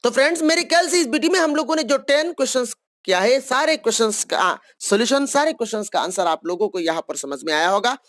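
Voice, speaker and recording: A woman teacher in an exam-prep lecture, patiently walking through each answer option and reading questions out slowly before explaining them. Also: fairly high pitch, lively intonation, dry recording, studio quality.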